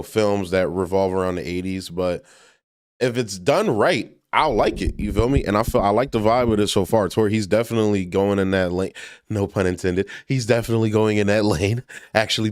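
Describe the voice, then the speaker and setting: A man's voice: fairly low pitch, normal speed, a little mellow, no room sound, clean studio sound. A man reacting to and reviewing music in a casual, slangy way, full of fillers. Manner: laid-back and slangy, heavy with fillers.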